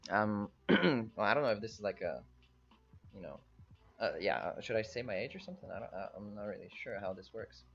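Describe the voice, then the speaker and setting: Low-voiced hesitant young man on a dull mic. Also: lively intonation, a little fast, creaky, a bit bright. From Bulgaria. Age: young adult. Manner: hesitant, rambling, lots of fillers. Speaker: podcast co-host. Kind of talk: casual chat. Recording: dull lo-fi sound.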